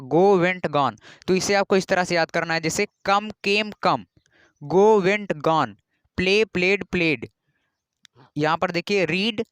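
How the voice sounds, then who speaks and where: A man from India gives an English grammar lesson in a high, clear, smooth voice. He is patient and repeats each rule, spelling words letter by letter. The sound is dry and close, with no room echo. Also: fairly bright tone.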